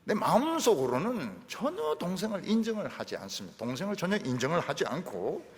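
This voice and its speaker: A middle-aged male pastor preaching an animated sermon, repeating phrases for emphasis. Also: a little high, a little fast, big-room sound, a little hiss or hum.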